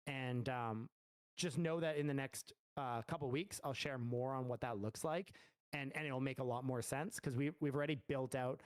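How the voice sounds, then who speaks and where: Smooth and steady, at a moderate pace, a medium-pitched man who founded a game studio chats through viewer questions on a livestream. His answers ramble, packed with fillers and restarts, with no echo present.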